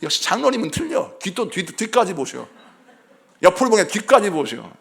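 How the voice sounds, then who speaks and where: A middle-aged senior pastor preaching a revival-style sermon in a church, swinging between shouted lines and soft asides and joking with the congregation. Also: male voice, high-pitched, sing-song, moderate pace, creaky. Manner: jokes and laughs with the congregation. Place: church sanctuary.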